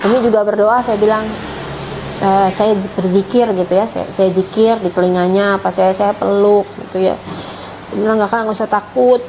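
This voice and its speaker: A woman's voice: medium pitch, fairly even intonation, moderate pace, background noise. A middle-aged woman, earnestly telling her personal story with emotion. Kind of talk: personal testimony.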